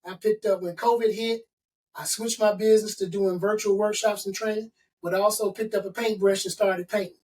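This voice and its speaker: A middle-aged consultant and author from Chicago answers interview questions, stacking points in lists with an emphatic, motivational message, though his delivery itself is flat. His high-pitched voice is a little mellow and fairly quick. The recording is low quality, the mic distant.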